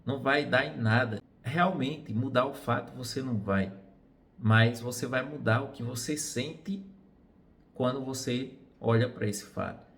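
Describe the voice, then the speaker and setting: A man's voice: mid-range voice, a little slow, creaky. A man with a Brazilian Portuguese accent who speaks as a psychotherapist, giving an earnest, reflective talk and asking rhetorical questions.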